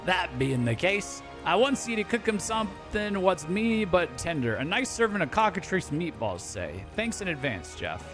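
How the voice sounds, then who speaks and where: A gruff, harried cook growls through rough pirate dialect in this game scene, as a man puts him on. He drops his words and sounds a touch high. Faint music plays underneath. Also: big pitch swings, normal speed, few pauses. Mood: earnest. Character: gruff male pirate-talking cook, busy.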